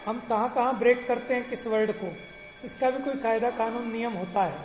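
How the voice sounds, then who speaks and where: A man's voice: very high voice, faint music behind. Man teaching scripture in echoey hall. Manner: asks rhetorical questions, chants verses slowly. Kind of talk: explanatory religious class lecture.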